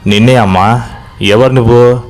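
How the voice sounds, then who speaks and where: A man's voice: mid-range voice, fairly even intonation, moderate pace, natural voice. A blunt rustic village man, as a male storyteller puts him on, talks with a Telangana accent. He speaks plainly and a little mockingly in a horror story. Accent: Telangana Telugu.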